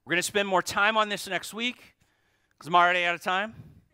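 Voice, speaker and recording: A man's voice: sits high, fairly even intonation, a little fast, pushed and bright, smooth, no echo. A man preaching a sermon at a pulpit microphone. He stresses key words, repeats them, and puts rhetorical questions to the congregation. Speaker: pastor.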